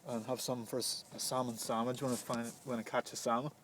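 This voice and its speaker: A man's voice: medium pitch, flat delivery, brisk, fairly bright tone. Man chatting, faint noise behind. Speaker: camper van vlogger. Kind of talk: casual unscripted chat. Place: inside a camper van.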